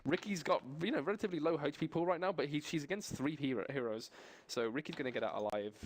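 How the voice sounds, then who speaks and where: Fast-talking male esports caster. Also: on the high side. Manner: fast, excitable, laughs often, apologetic slips. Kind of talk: live game commentary.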